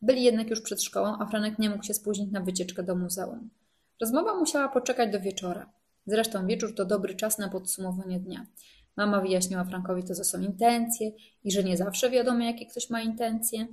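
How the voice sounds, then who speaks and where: A woman reads a children's story aloud in a gentle, expressive storytelling voice. Her pitch sits in the middle range, and her delivery is clear and unhurried. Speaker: narrator.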